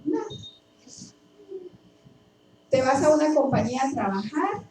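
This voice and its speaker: A woman's voice: high-pitched, expressive, fairly quick, mellow. A woman preaching a sermon, telling her own story and asking emphatic questions with much repetition. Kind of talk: sermon with personal testimony. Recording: echoey and distant, faint background noise.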